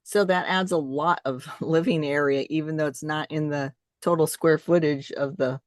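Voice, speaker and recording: A woman's voice: low-pitched, fairly even intonation, normal speed, dry recording, studio quality. An older woman hosting a casual, conversational interview. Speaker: interview host.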